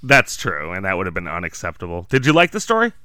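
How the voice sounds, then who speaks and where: A man's voice: deep voice, wildly swooping pitch, fast talker, sharp tone, no echo. A man hosting a podcast in casual, wry, joking conversation. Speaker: podcast host. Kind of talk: casual comedic chat.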